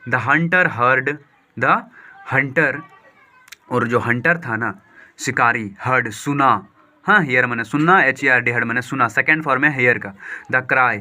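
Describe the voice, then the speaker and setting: A man with a very bright, sharp tone teaches from a storybook. He reads each line slowly and carefully, then switches to quick, animated Hindi explanation. His voice sits at an ordinary male pitch. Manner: slow deliberate reading of English lines, then quick lively Hindi explanation. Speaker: English teacher.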